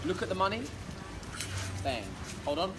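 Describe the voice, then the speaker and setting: A man's voice: high voice, expressive, normal speed. A man in his twenties performing street magic patter as a theatrical magician, showy, with short commands and exclamations. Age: 20s. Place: outdoors in streets, parks and beaches. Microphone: phone camera at about arm's length. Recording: noisy outdoor street, loud chatter and traffic.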